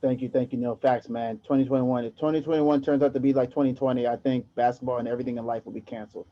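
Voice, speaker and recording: A man hosting a casual basketball podcast, excitable and prone to getting loud. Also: mid-range voice, fast. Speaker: podcast host. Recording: dull lo-fi audio.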